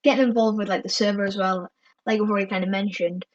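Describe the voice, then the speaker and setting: A woman's voice: mid-range voice, steady tone, fast talker, no echo, far from the mic, highs cut off. A woman co-hosting a casual podcast, rambling and filling her talk with "like" and "kind of.". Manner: rambling, heavy use of "like" and "kind of". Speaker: podcast co-host.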